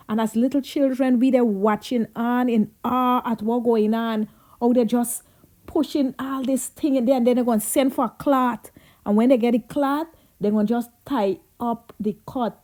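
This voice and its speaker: A woman's voice: fairly high pitch, dark tone. A Guyanese woman telling childhood stories in a chatty, reminiscing way, slipping into Creole as she goes. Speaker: vlogger. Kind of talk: casual storytelling.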